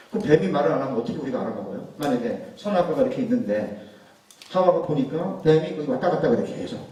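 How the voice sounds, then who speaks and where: A man's voice: mid-range voice, warm tone. A man in his fifties preaching a humorous sermon, chatty, joking and full of rhetorical questions. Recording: echoey hall, mic at a distance.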